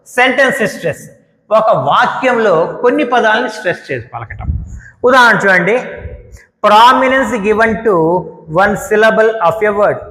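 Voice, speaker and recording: A man teaching English word stress, explaining slowly and repeating each example word. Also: high voice, fairly bright tone. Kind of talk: spoken grammar lesson. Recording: echoey room with long reverb.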